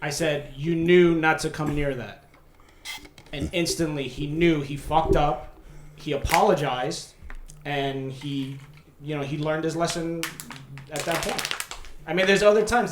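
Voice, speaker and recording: A man's voice: a little high, reverberant, a little hiss or hum. A man who grew up in New York, telling stories bluntly in a casual podcast chat, swearing often.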